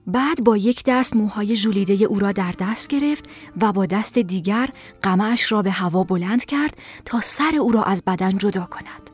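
A woman's voice: mid-range voice, darkish tone, breathy edge. Woman narrating a storybook.

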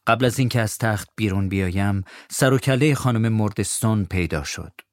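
A man narrating a storybook in a calm, measured way. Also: fairly low pitch, no echo, clean studio sound. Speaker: audiobook narrator.

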